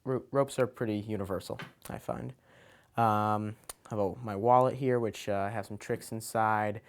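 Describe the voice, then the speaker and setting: A man's voice: fairly low pitch, steady tone, moderate pace. A man talking casually as a children's magician, explaining his kit item by item in an informal, loosely improvised, hesitant way. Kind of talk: casual show-and-tell explanation.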